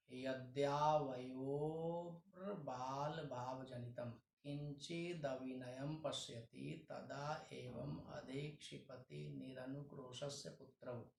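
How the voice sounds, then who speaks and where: Hindi-accented guy teaching sanskrit line by line, goes real slow, echoey room. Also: mid-range voice, gravelly, darkish tone, a little hiss or hum. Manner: reads a Sanskrit line, then explains it in Hindi. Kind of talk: line-by-line explanation of a Sanskrit lesson.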